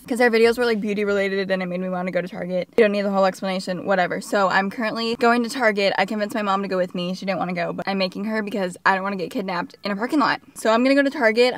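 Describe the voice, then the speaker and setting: A woman's voice: mid-range voice, fairly bright tone. A woman vlogger talking to her camera in a casual, rambling way, often cutting herself off mid-sentence. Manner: chatty, rambling, self-interrupting. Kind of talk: casual vlog chat.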